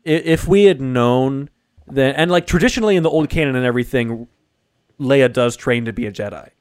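Excitable man in a dry room. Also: brisk, smooth, no echo. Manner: animated, gets loud and high when excited. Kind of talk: casual movie discussion.

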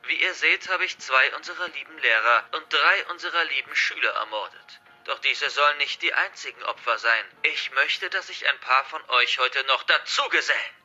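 A man's voice: fairly high pitch, moderate pace, hardly any pauses, husky, dull audio, faint music behind, pitched above the performer's own voice, heavily acted. A man doing a gloating masked hacker. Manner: loud, gloating, threatening delivery. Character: menacing masked male hacker, cold and taunting.

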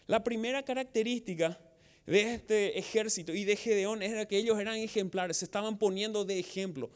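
High-voiced Paraguayan pastor preaching. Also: male voice, a little fast, smooth. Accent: Paraguayan Spanish. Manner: preaching with rhetorical questions and acted quotes. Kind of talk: sermon. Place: outdoor church service.

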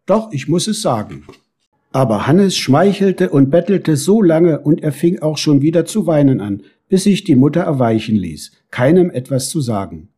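A man narrating a children's story in a lively storytelling manner. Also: a little high, moderate pace, hardly any pauses, breathy edge. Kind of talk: storybook reading.

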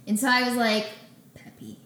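Guesting on an interview podcast, a young adult woman with a voice on the high side recounts founding her small bakery in a casual, animated way, acting out conversations with quick back-and-forth. The roomy, echoey recording has a little hiss or hum.

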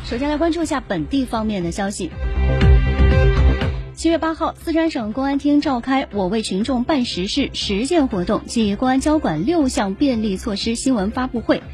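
A woman's voice: fairly high pitch, lively intonation, normal speed, over loud music. A woman presenting scripted radio news in standard Mainland Mandarin.

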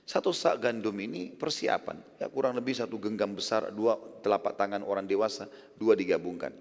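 A man's voice: fairly low pitch, fairly quick. A man giving a conversational sermon, telling a story and explaining words to his listeners. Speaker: preacher. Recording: long hall reverb.

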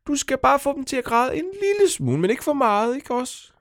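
Guy putting on three cheeky high-pitched little turds, coaxing and sly. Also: sing-song, fairly bright tone, dry recording, clean studio sound, exaggerated voice. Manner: sly, wheedling, speaking as one. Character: three small mischievous talking turds egging a girl on. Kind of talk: storybook narration for children.

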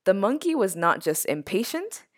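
A woman's voice: medium pitch, sing-song, normal speed. A woman interviewing a guest, speaking thoughtfully and earnestly, with occasional small restarts. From United States. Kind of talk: reflective conversational interview.

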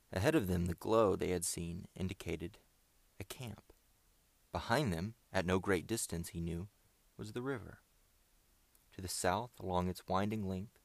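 A man narrating an adventure novel aloud in a steady, measured reading. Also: low voice, creaky, no echo. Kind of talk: audiobook narration.

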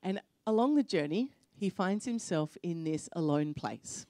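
Woman pastor, sermon in short bursts, low warm voice, dry sound. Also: animated, no room sound. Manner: pauses often for the interpreter, earnest storytelling. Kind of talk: sermon with live interpretation. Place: church.

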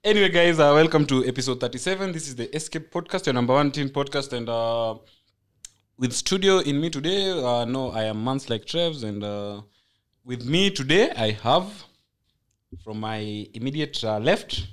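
A man's voice: medium pitch, expressive, normal speed, clean tone. A young man with a Kenyan accent hosting a podcast in casual, joking, teasing banter. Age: young adult. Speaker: podcast host.

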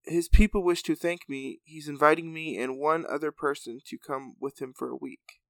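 A man playing a young male hero who calmly passes on what a lizard says. The voice has a touch of gravel and sits in a dry, close space, read as a storybook. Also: a little high, moderate pace, no room sound. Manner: relaying messages plainly.

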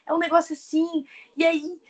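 A woman co-hosting a podcast in casual chat, animated and expressive, acting out characters' lines as she talks. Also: very high voice, normal speed. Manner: animated, acts out character dialogue in quoted voices; expressive, frequent laughs and exclamations. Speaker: podcast co-host reviewing books.

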